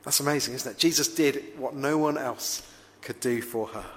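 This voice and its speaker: A man's voice: mid-range voice, moderate pace, a bit bright, long reverb tail. A man preaching a sermon in a reflective, conversational way, often asking his listeners rhetorical questions.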